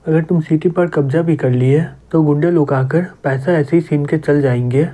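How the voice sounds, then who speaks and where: A calm and powerful young hero speaks firmly, with a somewhat high, soft and mellow voice, as a storyteller reads him. It sounds like a manga tale read aloud. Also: male voice, normal speed, lightly acted.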